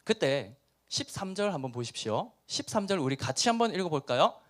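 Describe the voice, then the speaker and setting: A middle-aged man with a Busan dialect preaches to a high school youth group. His voice sits high and swings widely in pitch. He tells the story animatedly and acts out its characters. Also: very animated, brisk. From Busan, South Korea. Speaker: pastor. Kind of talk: youth sermon.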